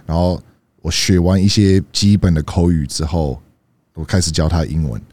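A young American man with a very low, mellow voice, recorded close and dry. He speaks fluent Mandarin as a foreigner with an American accent. His native English slips into the casual chat. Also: moderate pace, no room sound. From United States.

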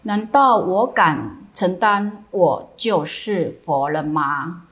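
Young male Chan student, questioning and doubtful, read by a woman in a low voice. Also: animated, slow.

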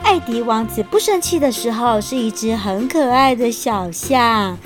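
A woman reading a picture book aloud to a child, gentle and expressive. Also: a little high, a little slow, over music. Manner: gentle and expressive, laughs often.

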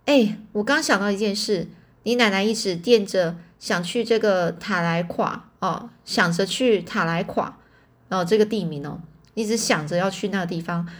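A woman reading as a gentle old grandfather. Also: moderate pace, close to an everyday voice. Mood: eager. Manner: low, soft speech.

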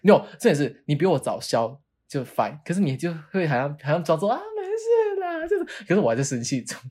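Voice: medium pitch, lively intonation, fast, darkish tone, slightly rough. A podcast co-host in casual chat, hesitant and repeating words while explaining.

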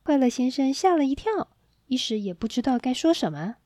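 A woman storyteller reading a children's story aloud in a gentle, expressive way, on a close mic. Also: high-pitched, brisk, dry recording.

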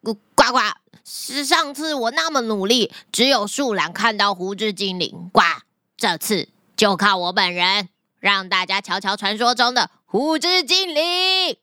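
A woman voicing a stubborn little frog in a children's story, with a croaky frog voice and stammered interjections. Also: mid-range voice, lively intonation, a little slow, pushed and bright, no echo, clean studio sound, voice pushed down. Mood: boastful. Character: boastful, stubborn little frog, later remorseful. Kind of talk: children's story character acting.

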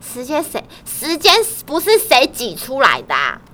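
A woman's voice: high-pitched, wildly swooping pitch, a little slow, pushed and bright. A woman chatting casually about office life, animatedly acting out her coworkers' lines.

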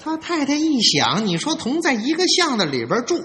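A man with a Tianjin accent leading a crosstalk routine, telling a comic story in a quick, animated way. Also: very high voice, big-room sound. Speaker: lead crosstalk performer.

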